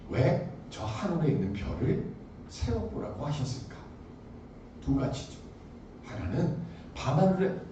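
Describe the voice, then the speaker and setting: A man's voice: medium pitch, warm tone, muffled recording, a little hiss or hum. A male pastor preaching a sermon, animatedly quizzing the congregation. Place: church sanctuary. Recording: echoey church hall from far off.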